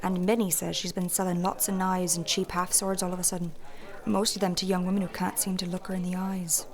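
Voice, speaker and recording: In a fantasy audio drama, a woman plays a shrewd, candid innkeeper, talking in a plain-spoken, folksy, thoughtful way with a confiding, shrewd mood. Her voice is fairly low and darkish, the delivery flat and fairly quick, only lightly acted.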